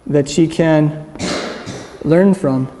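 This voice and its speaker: A man's voice: a little high, extremely slow, warm tone, long reverb tail. A man giving a casual, interactive Bible teaching to a group in a room. He talks in a chatty, upbeat way with lots of fillers and has the room repeat words after him.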